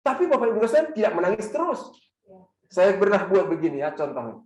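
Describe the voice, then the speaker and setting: A man preaching a sermon as pastor, asking the congregation questions and repeating key lines, at times rising to loud, fervent preaching. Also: sits high, very animated, quick pace. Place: church hall. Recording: echoey church hall.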